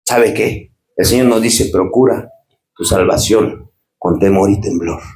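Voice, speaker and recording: A man preaching a sermon as pastor, swinging from raised, urgent lines to low, quiet asides. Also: a little slow, reverberant. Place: church.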